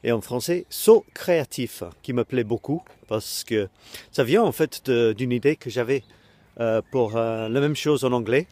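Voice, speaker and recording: A man's voice: medium pitch, normal speed, a little mellow, no room sound. A British man with an English accent, speaking in a casual direct-to-camera talk as an online course creator, hesitant, with many ums and restarts. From Britain.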